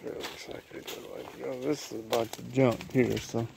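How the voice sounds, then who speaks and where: A man's voice: medium pitch, level tone, normal speed, vocal fry. A man, chatting folksily to his horse and his viewers while riding a forest trail. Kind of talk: casual spoken vlog commentary. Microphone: head- or helmet-mounted camera mic. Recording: noisy outdoor camera audio.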